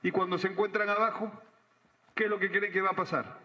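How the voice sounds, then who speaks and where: A man, a government minister giving a measured, explanatory press briefing with hesitant fillers, recorded in a reverberant room with slightly dull sound. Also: high voice, level tone, sharp tone.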